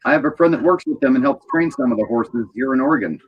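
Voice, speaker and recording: Slightly lo-fi sound, man, medium pitch, casual livestream chat, wry, joking. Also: fast, slightly rough. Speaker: livestream participant.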